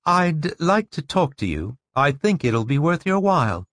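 A man voicing an intense, fanatical young widow with a hard, thin, brittle voice, pitched well above his own. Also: big pitch swings, unhurried, fairly bright tone, dry recording. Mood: cold, insistent.

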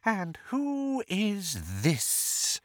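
A man voicing a cold, mocking dark wizard lord in an audiobook, with a soft, silky hiss and slow, pompous menace. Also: high-pitched, wildly swooping pitch, dry recording, studio quality, voice pushed up, heavily acted.

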